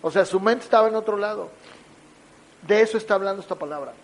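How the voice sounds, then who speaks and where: A man with a high voice preaching a sermon. He teaches through everyday examples and keeps asking his listeners questions. He acts out little scenes in a lively way, shifting his voice for each. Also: quick pace, poor audio.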